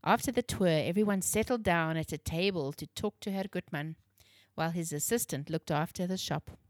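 A woman reads a children's story with clear, measured delivery. Her voice sits on the low side, and the recording is close and completely dry. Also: no echo.

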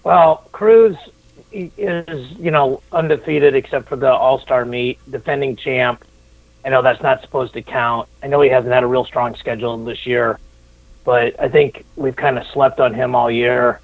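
A man joining a sports podcast over a tinny phone line, his voice dry and narrow. He talks in a relaxed, thinking-aloud way, sometimes restarting as he explains his rankings. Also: mid-range voice, unhurried, creaky, no echo. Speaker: co-host, rankings analyst.

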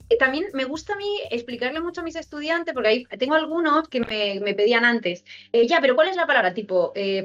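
Animated, high-voiced woman guest. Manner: animated, chatty storytelling with many restarts. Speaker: podcast guest, Spanish teacher. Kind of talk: casual chat.

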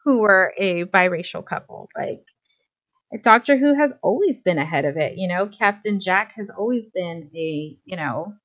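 A woman's voice: lowish voice, animated, normal speed. Female co-host, eager casual talker, slightly dull recording. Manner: enthusiastic, chatty, many fillers. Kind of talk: casual chat. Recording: dull lo-fi sound.

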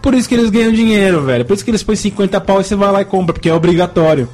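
A man's voice: high-pitched, rapid-fire, a little mellow, soft background music. A man joking and complaining in casual banter as a podcast co-host. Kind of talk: casual group chat.

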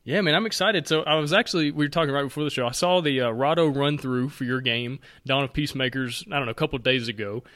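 A man hosting a podcast interview, talking in an upbeat, friendly way and asking quick questions. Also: medium pitch, fairly bright tone. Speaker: podcast host. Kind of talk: casual interview chat.

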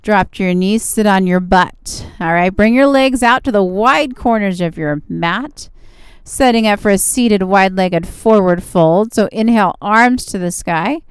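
Very clear-voiced encouraging woman yoga instructor. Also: medium pitch, measured pace, dry recording, studio quality. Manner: encouraging, directive. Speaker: yoga instructor, show host. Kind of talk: guided yoga class instruction.

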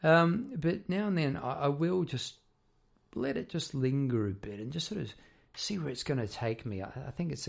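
Croaky guy, gravelly fry in his voice, songwriter just chatting away, kinda halting and rambly. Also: mid-range voice, a little mellow. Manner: rambling and halting, repeats words. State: croaky voice after poor sleep. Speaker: songwriter and musician hosting a half-hour talk. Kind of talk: casual reflective monologue on songwriting.

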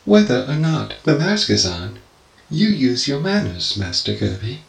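A man's voice: medium pitch, very animated, a little slow, gravelly, reverberant, slight background noise, voice pushed up, rough recording. A man voicing a courteous, formal male robot butler in a storybook reading. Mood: polite. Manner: courteous, formal, addresses master dutifully. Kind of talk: audiobook character voice.

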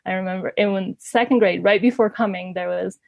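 This woman has a mid-range, gravelly voice with a steady tone and a brisk pace, recorded with no echo. She was born in Canada, grew up in Ecuador, and shares personal stories casually in an interview-guest manner, laughing often and giggly throughout.

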